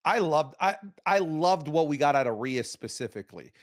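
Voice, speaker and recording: Male wrestling co-host, fairly high voice, very dry recording, emphatic and opinionated chat. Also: expressive, moderate pace, no echo. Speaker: wrestling talk show co-host. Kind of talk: casual wrestling commentary and discussion.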